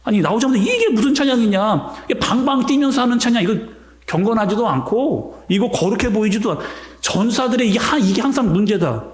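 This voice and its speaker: Man voicing a stern scolding professor, indignant questions, high lively voice, echoey church hall. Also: fairly quick. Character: stern male seminary professor scolding students.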